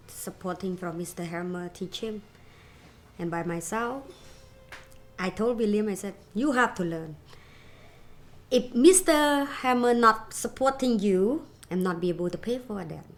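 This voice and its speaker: A woman with a lowish voice speaks in simple, non-native English, pressing her points with emphasis. Soft music sits faintly behind her. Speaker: parent of a student. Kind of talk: documentary interview.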